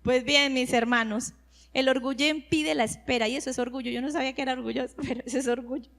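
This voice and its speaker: A middle-aged woman, preaching a sermon in a lively storytelling way and acting out the people she quotes. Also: sits high, fast talker. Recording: long hall reverb.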